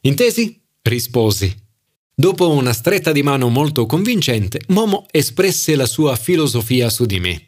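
A male narrator reads a novel aloud with an animated, rising-and-falling delivery. His pitch sits mid-range and he tells the story expressively. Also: moderate pace. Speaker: audiobook narrator. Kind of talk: scripted narration.

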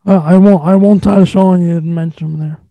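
A man's voice: high voice, fairly even intonation, moderate pace, mellow, no room sound. A man with an Irish accent hosting a podcast and casually interviewing guests. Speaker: podcast host. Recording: phone-like, thin band-limited sound.

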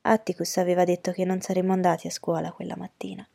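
A woman narrating an audiobook in a steady, even storytelling voice. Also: on the low side, quick pace, creaky, husky, no echo. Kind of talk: audiobook reading.

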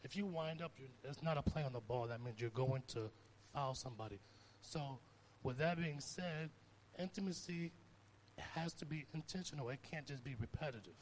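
A young man preaching in a relaxed, conversational way, with a voice of ordinary pitch. He tells personal stories and pushes his voice up for emphasis. Faint hiss sits behind him. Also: moderate pace. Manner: conversational, animated storytelling with rising emphasis. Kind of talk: informal sermon.

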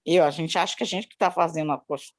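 A woman's voice: deep voice, rapid-fire. Rambling woman telling a story by phone. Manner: rambling and repetitive, many "né?" tags. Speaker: daycare worker sharing an experience. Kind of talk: personal story told in a group call. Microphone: phone on a video call.

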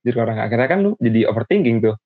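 A man's voice: medium pitch, lively intonation, racing, no echo. A young man talks casually in slang, often stopping to restart a thought. His voice comes through thin and tinny, like a phone call. The sound is dry, with no room around it. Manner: slangy, hesitant, full of restarts. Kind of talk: casual chat.

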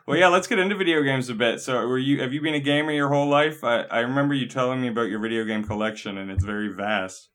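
A man's voice: medium pitch, fairly even intonation, fast talker, hardly any pauses, fairly bright tone. A man hosting a podcast, chatting in an easygoing way, swearing casually and laughing along with his guest. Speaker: podcast host. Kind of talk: casual interview chat.

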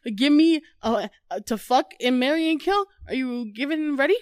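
A woman's voice: high voice, lively intonation, moderate pace, no room sound, studio quality. A young woman with a Midwestern accent, co-hosting a podcast in casual, giggly chat full of "like". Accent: Midwestern American. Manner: giggly, rambling, heavy on "like". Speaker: podcast co-host.

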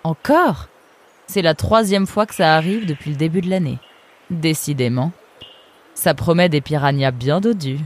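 A woman's voice: deep voice, moderate pace, slight background noise, lightly acted. A woman voicing a tall tattooed female fox who talks in a blunt, offhand, cynical way in a storybook.

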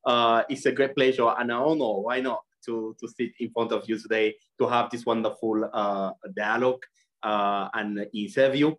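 Casting: young man from Cameroon, earnest and halting, video call guest. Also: medium pitch, steady tone, fairly bright tone. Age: young adult. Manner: earnest, many fillers and restarts. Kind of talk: interview over video call.

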